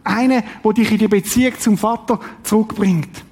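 A man's voice: high voice, fairly even intonation, moderate pace, darkish tone, slight background noise. A man preaching a sermon, reading scripture and speaking directly and earnestly to the congregation. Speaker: pastor.

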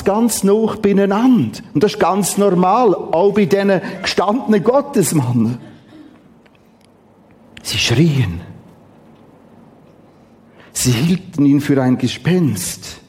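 A man with a Swiss German accent preaching a sermon, telling the story vividly and then reading scripture quietly. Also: sits high, takes it slowly, long pauses.

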